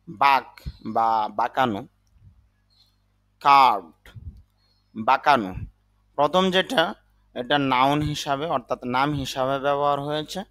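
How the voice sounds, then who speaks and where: A man's voice: mid-range voice, fairly bright tone. A man teaching English vocabulary, carefully spelling and sounding out each word. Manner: spells and sounds out words deliberately. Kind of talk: slow vocabulary lesson in Bengali.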